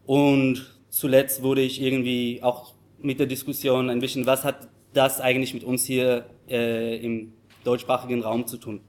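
Halting man from Israel giving a lecture. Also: medium pitch. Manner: halting, many fillers and restarts. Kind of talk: public lecture. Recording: audio recording of a talk.

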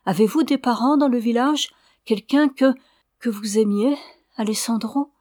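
A woman's voice: fairly high pitch, moderate pace, a little mellow, no room sound, clean studio sound, pitched above the performer's own voice, lightly acted. A woman reading the lines of a tender, sincere young orphan girl in an audiobook.

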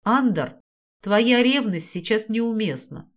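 A woman's voice: on the high side, expressive, takes it slowly. A woman voicing a firm, caring young woman. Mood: stern. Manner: firm, scolding then soothing. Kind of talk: audiobook character voice.

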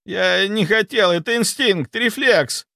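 Man doing a shrill, cowardly chief doctor. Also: very animated, moderate pace, gravelly, no room sound, clean studio sound. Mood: whimpering. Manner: shrill, whimpering. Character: cowardly panicking middle-aged male chief doctor.

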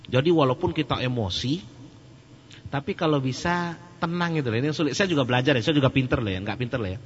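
A man giving a casual question-and-answer sermon, joking and animated. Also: medium pitch, quick pace, breathy edge, big-room sound. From Sumatra. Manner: joking and animated, laughs at his own jokes. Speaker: Islamic preacher. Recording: muffled lo-fi recording with faint hum.

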